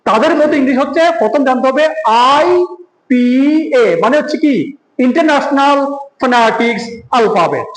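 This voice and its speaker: A man with a very high voice teaches an English pronunciation lesson, his first language Bengali. He quizzes the class again and again and repeats each point to drill it. His voice rings around an echoey room. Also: animated, quick pace. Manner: keeps asking the class questions.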